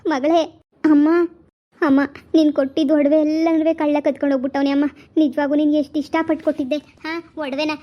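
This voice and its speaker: A woman's voice: high voice, dull audio, lightly acted. A woman playing a grieving young married daughter, pleading and repetitive. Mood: tearful. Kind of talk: village comedy skit acting.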